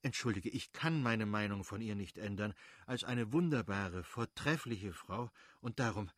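A man voicing a good-natured, effusive middle-aged nobleman who pleads warmly with his brother-in-law. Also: on the low side, normal speed, dry recording, clean studio sound, natural voice. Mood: effusive pleading. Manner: warm, effusive, imploring.

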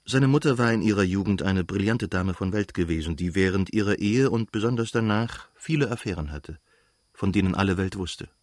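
A man calmly reading a novel aloud as an audiobook narrator in a measured way. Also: low-pitched, dry recording, clean studio sound. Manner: calm, measured storytelling.

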